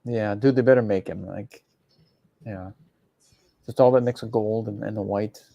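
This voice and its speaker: A man's voice: fairly low pitch, fairly even intonation, normal speed, creaky, no room sound, dull audio. A man co-hosting a casual reaction chat in a laid-back way, often saying yep and laughing. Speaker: show co-host.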